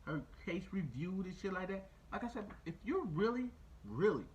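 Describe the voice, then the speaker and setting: A man hosting a podcast, ranting casually and profanely, repeating his points and jumping high in pitch when incredulous. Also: big pitch swings, moderate pace, muffled recording, slight background noise. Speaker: podcast host. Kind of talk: casual opinion rant.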